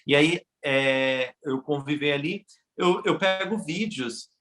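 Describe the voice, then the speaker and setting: A Brazilian man, a guest, chatting in an animated way and acting out bits of dialogue. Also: a little high, reverberant. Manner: animated, quick shifts of pace, acts out dialogue. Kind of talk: casual conversation.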